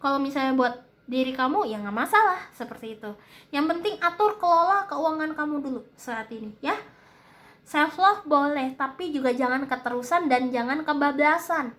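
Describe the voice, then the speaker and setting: A woman's voice: high voice, a bit bright. A woman with an Indonesian accent and a slight lisp that occasionally slurs her r, giving a casual forecast and advice in a hesitant, explanatory way. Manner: hesitant, searching for words, explanatory. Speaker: tarot-style reading host.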